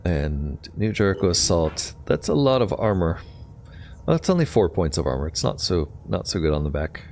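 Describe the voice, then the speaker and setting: A man's voice: low voice, very animated, normal speed, darkish tone, slight background noise. A man giving casual gameplay commentary, thinking aloud tentatively as he plays. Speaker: gamer narrating own play.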